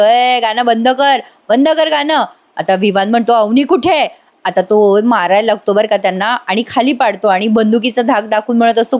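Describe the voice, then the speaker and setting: A woman's voice: mid-range voice, a little mellow. Chatty woman recapping a TV serial. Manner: chatty, addresses listeners directly. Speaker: serial reviewer. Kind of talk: voice-over episode recap.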